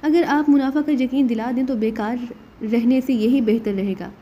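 A man's voice: extremely high pitch, steady tone, warm tone. A woman voicing a witty male secret agent in an audiobook, joking and mock-respectful.

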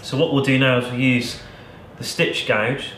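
A channel host in his thirties, medium-pitched and moderately paced, demonstrates a craft in a cluttered indoor workshop, speaking in a relaxed, practical manner. A distant camera mic captures him, and the room is echoey with background noise.

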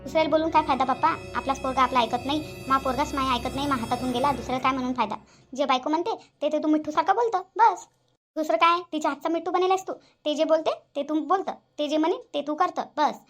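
A woman's voice: sits high, fast, soft background music, lightly acted. A woman voicing a bossy, sarcastic older mother-in-law in a cartoon, with a nagging, scolding way of talking. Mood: complaining. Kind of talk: cartoon voice acting.

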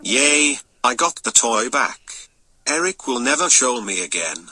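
A man's voice: mid-range voice, sing-song, measured pace, pushed and bright, dry recording, full character voice. A man voicing a gloating toy thief in a homemade cartoon. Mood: gleeful.

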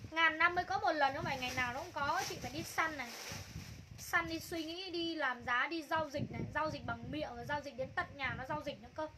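A high-pitched woman is hawking clothes on a livestream. She rattles off prices and item codes again and again, and she gushes over each piece. There is steady noise behind her voice. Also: a little fast. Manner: repetitive, calls out prices and codes, gushing. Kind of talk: live sales pitch.

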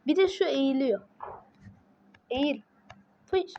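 A high-voiced woman talks through her own gameplay, reacting out loud to every jump and fall. She sounds excitable and frustrated, though she speaks at an unhurried pace. The recording is slightly dull and lo-fi. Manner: excitable, exclaiming at each move, frustrated. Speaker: gaming video host. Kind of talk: let's play commentary.

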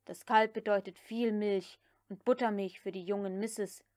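A woman with a mid-range, darkish, natural voice speaks at a moderate pace with fairly even intonation. She is voicing a male house slave in an audiobook, giving him a deferential, anxious manner that stays proud but tactful. His protests come out plaintive in this character dialogue.

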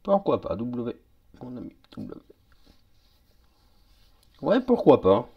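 A man's voice: medium pitch, slow pace, vocal fry, muffled recording. A man streaming a game live, chatting casually with other players as he plays. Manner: relaxed, chatty, talks to other players and chat. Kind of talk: casual live-stream chat while playing.

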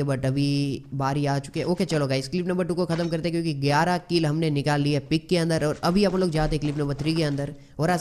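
A man from India giving excitable gameplay commentary as a gaming YouTuber, mixing English slang into his talk. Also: a little high, slight background noise. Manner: excitable, mixes English slang into Hindi, frequent exclamations.

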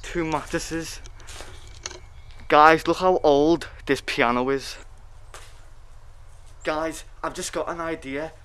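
A young man filming himself while exploring abandoned buildings, excitedly talking to his viewers with the camera held at arm's length. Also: a little high, slow, long pauses, clean tone. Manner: excited, keeps addressing viewers as guys. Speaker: urban explorer vlogger. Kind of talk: handheld exploring vlog. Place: outdoors around derelict buildings and a garage.

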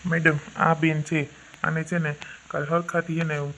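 A man's voice: a little high, flat delivery, a little slow, sharp tone, a little hiss or hum, poor audio. A man playing an exasperated villager who complains to an official in a comedy skit. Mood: earnest.

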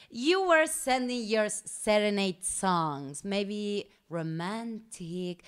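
A woman hosting a live stream and giving announcements in earnest, non-native English. She speaks slowly, and her voice is smooth and clear. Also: medium pitch, a bit bright.

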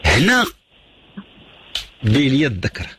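A man's voice: mid-range voice, huge pitch swings, measured pace, fairly bright tone, a little hiss or hum. A middle-aged man with a Moroccan accent hosting a call-in radio advice show, lecturing with emphatic repetition and French phrases. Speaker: radio psychologist host.

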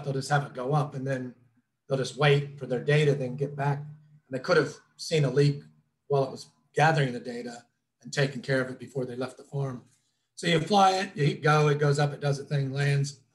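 A middle-aged man, working as a drone trainer, presents an online webinar over slides, explaining things informally in loose, casual wording. His medium-pitched voice is brisk with fairly even intonation, recorded indoors over a video call.

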